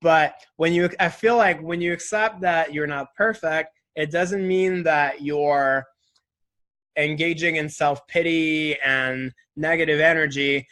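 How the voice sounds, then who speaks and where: A man in his twenties speaks as a guest in a relaxed interview, in a voice that sits a little high. He is candid and reflective, and he talks loosely, leaning on "like" and "right?" as he thinks aloud. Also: unhurried. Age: 20s. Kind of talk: casual interview conversation.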